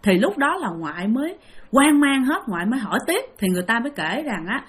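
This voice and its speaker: A woman's voice: sits high, big pitch swings, fast, husky. Chatty Southern Vietnamese woman telling ghost stories. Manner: chatty, addresses listeners, heavy filler particles. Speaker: storyteller. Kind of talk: spoken ghost story narration.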